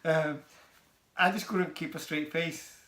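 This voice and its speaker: A man's voice: on the high side, fairly even intonation, takes it slowly, pushed and bright. A man co-hosting a casual chat show, laughing a lot and repeating himself. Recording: echoey room.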